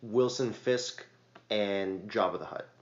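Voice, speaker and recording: A man's voice: on the low side, slow pace. A man hosting a casual podcast interview, asking questions and cracking puns. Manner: joking, punny. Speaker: podcast host. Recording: roomy, dull lo-fi podcast audio.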